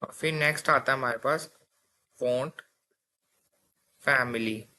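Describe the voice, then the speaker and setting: In a bright, forceful mid-range voice, a little on the slow side, a young man leads a laid-back coding lesson. He explains every step and keeps asking his listeners "theek hai."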